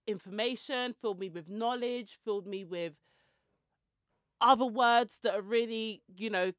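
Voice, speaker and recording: Speaking at a medium pitch, a podcast host in her forties rambles casually into tangents and pokes fun at herself. She holds a handheld mic close in a small room lined with shelves and clothes rails. The sound is dry and studio quality.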